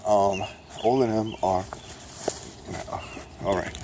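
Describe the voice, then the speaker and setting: Older man from Brooklyn, self-mocking salesman patter, fry-heavy voice, casual outdoor vlog. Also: lowish voice, steady tone, takes it slowly, noisy background. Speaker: self-published author promoting his books. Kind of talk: casual rambling vlog while walking a dog. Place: outdoors on a morning walk.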